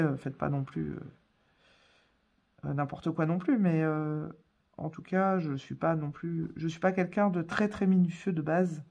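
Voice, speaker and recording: A woman hosting a coloring tutorial in a casual voice-over, chatty and hesitant, filling pauses often. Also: on the low side, a little mellow. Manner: chatty, hesitant, many fillers.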